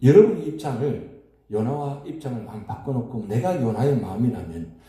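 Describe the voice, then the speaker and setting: A man's voice: mid-range voice, lively intonation, a little fast, dark tone. A man preaching a dawn sermon as pastor, asking his congregation rhetorical questions. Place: church sanctuary. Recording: echoey church hall.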